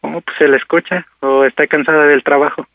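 A man's voice: a little high, steady tone, fairly quick, no room sound, narrow, tinny audio. A man in his early thirties with a Mexican accent, chatting casually and hesitantly as a radio caller. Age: early 30s. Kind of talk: casual phone chat.

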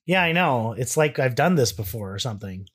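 A man's voice: mid-range voice, lively intonation, a little fast, breathy edge. A man with a slight Texan accent co-hosting a podcast, trading wry, sarcastic comebacks in a casual chat. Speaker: podcast co-host.

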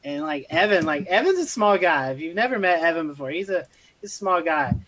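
A man's voice: on the high side, big pitch swings, fairly quick, fairly bright tone, rough recording. A man chatting casually as a storm chaser, rambling and repeating his phrases. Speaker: storm chaser on a weather show. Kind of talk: casual chat with some field reporting.

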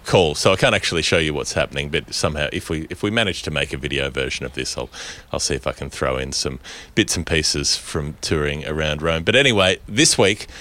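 An Australian man with a very low voice presents a podcast in a conversational style. He wanders through his points with a wry, discursive delivery. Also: fairly quick, sharp tone. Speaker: podcast host. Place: remote voice call from a rooftop.

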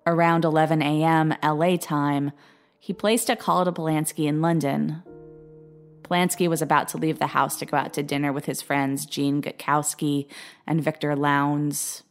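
A woman narrating a true-crime story in a measured, grave, scripted way. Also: sits low, little pitch movement, faint music behind. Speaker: podcast narrator.

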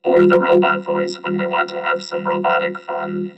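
A man's voice: extremely low pitch, completely flat delivery, normal speed, gravelly, reverberant, voice pushed down, full character voice. A podcast host, a man, playfully showing off his voice through a robot voice filter. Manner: playful, showing off a new sound effect. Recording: dull distant sound with music under it.

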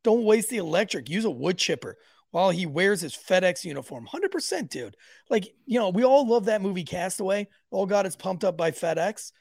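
A man co-hosts a casual podcast and reads out viewer comments with blunt, profane humor. His voice is gravelly and sits a little high. The sound is dry and close. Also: sing-song, fairly quick, a little mellow, no room sound. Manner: crude, joking, reads chat aloud. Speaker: podcast co-host. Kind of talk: casual livestream chat.

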